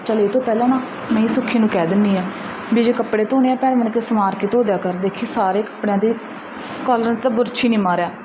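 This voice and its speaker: Voicing a bossy elder sister in a short film, a woman plays a young wife who scolds and nags in a quick, high voice. The recording is slightly dull and lo-fi, with a faint hiss. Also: steady tone, lightly acted. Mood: nagging. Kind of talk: Punjabi short film acting.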